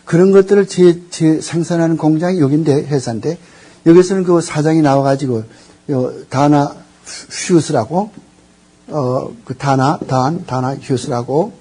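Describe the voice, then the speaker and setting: A man's voice: fairly high pitch, unhurried, long pauses, mellow, breathy edge. An older man lecturing on theology, rambling, searching for words and quizzing the audience with questions. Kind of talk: classroom lecture.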